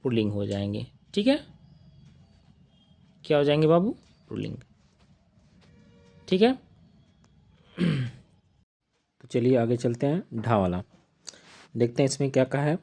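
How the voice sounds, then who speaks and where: A man teaching an online grammar lesson, listing examples one by one and asking questions that he answers himself in a lower voice. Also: very animated, takes it slowly, gravelly, pauses often, dark tone. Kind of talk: live online grammar class.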